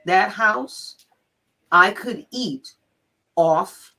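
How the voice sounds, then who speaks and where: A middle-aged American woman from Los Angeles tells personal stories in a frank, lively chat. She is blunt, swears freely and acts out what people said. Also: medium pitch, extremely slow. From Los Angeles, USA. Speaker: guest teacher telling stories. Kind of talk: candid storytelling chat.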